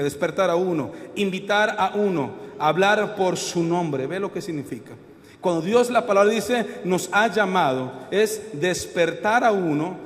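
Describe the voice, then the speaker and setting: A man's voice: sits high, big-room sound. A man preaching a sermon in a church, calling out questions to the congregation. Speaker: pastor. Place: church hall.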